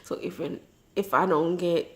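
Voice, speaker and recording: A woman vlogging in a personal, confessional way, emotional and tearful after crying, speaking haltingly and reflectively. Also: on the low side, steady tone, fairly bright tone. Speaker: vlogger and mother. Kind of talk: personal, confessional vlog talk.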